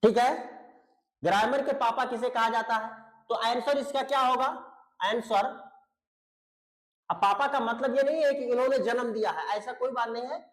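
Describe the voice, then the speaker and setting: Echoey, patient teacher. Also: male voice, very high-pitched, moderate pace, pauses often. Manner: explains patiently, repeats points, checks understanding; addresses students fondly as beta and babu. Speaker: English teacher. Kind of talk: online video lecture.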